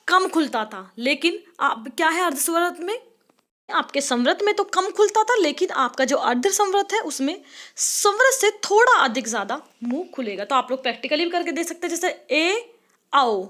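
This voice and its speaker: A woman's voice: very high voice, pushed and bright. A woman teacher giving an online exam-prep lesson, explaining step by step and asking students to try each sound aloud.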